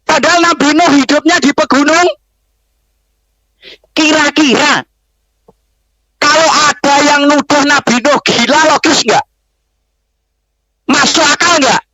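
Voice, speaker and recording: In a dry, rough recording, a preacher speaks to Islamic boarding school students at a measured pace with long pauses. His very high voice is bright and forceful as he narrates a story and keeps asking the crowd rhetorical questions.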